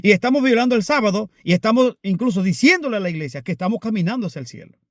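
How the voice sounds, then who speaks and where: High-voiced earnest male preacher. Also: animated, very fast, no room sound, studio quality. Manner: earnest, repetitive, addresses listeners as brothers. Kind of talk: sermon.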